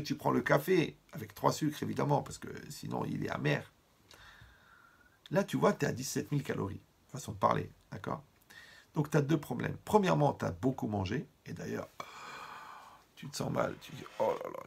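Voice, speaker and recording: A man giving a lively Torah lesson, talking straight to his listeners and using funny everyday examples. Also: medium pitch, vocal fry, breathy edge. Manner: lively, talks to listeners directly, humorous examples. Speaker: rabbi teaching Torah.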